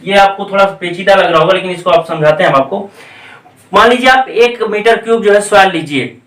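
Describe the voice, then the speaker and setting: A male exam-coaching teacher giving a classroom lecture, explaining step by step, checking in with frequent "okay"s and slowly dictating English definitions. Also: high voice, fairly bright tone, distant mic. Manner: explains step by step, checking in with repeated "theek hai". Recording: echoey room, voice off-mic.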